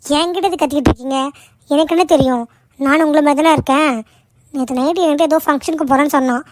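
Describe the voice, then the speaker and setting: A woman's voice: high-pitched, quick pace, no room sound, lightly acted. Woman voicing a nagging cartoon mother. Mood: alarmed. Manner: nagging, sarcastic. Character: scolding middle-aged mother, sharp-tongued. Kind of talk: cartoon voice acting.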